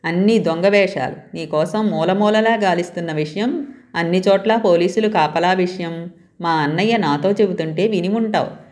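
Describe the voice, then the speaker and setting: Defiant young woman, read by a woman, sharp, demanding, lowish voice, audio storybook. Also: normal speed, natural voice.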